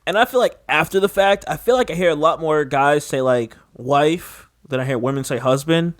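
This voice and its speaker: A man's voice: a little high, moderate pace, a little hiss or hum. A young man co-hosting a podcast in casual chat, teasing and jokey as he talks. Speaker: podcast co-host.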